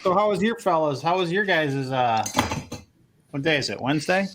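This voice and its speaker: A man's voice: a little high, lively intonation, normal speed, noisy background. A man in casual livestream podcast chat, laid-back and swearing freely, heard through an overloud mic that clips and distorts. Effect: clipping, distorted overloud mic. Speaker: podcast guest and sponsor. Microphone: own mic set too loud.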